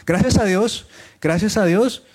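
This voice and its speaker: A man with a fairly high voice delivers a live sermon in a chatty, personal way. He stops often to put questions to the listeners and to trade light jokes with them. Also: a little slow, a little mellow. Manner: conversational, asks the room direct questions; teasing asides with the audience. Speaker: preacher.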